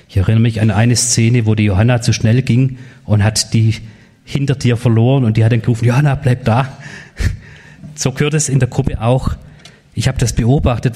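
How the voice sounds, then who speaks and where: A man's voice: mid-range voice, darkish tone. A man, a pastor, giving a confirmation sermon to teenagers. He tells a story and speaks the quoted voices in it, then puts questions straight to the young people. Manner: storytelling, quoting voices in the tale; addresses the teens directly with questions.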